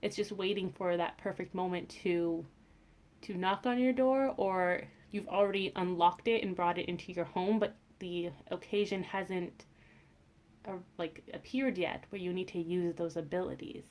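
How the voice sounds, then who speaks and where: A woman giving a tarot reading in a casual, gentle and reassuring way, with frequent fillers and restarts. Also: lowish voice, fairly even intonation, normal speed. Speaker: tarot reader.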